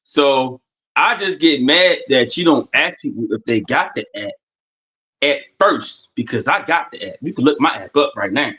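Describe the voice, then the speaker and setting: A man who drives trucks, calling in to a live stream and talking loudly and eagerly, often repeating himself. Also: mid-range voice, moderate pace, breathy edge, low-quality recording. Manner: loud, animated, repeats himself. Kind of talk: casual chat.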